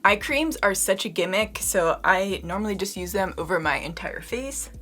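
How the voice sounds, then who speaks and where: A young woman giving a casual beauty product review. She is slightly hoarse and talks to her viewers in a chatty way, often using "like" as a filler. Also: mid-range voice, lively intonation, normal speed, sharp tone. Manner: chatty, addresses viewers as "you guys", frequent "like" fillers. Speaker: beauty vlogger.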